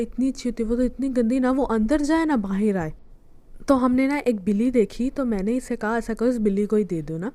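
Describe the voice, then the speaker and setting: Young woman vlogger, slightly high voice, chatty and rambling. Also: darkish tone. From Pakistan. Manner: chatty, rambling, keeps restarting with "anyway". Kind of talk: casual storytelling vlog.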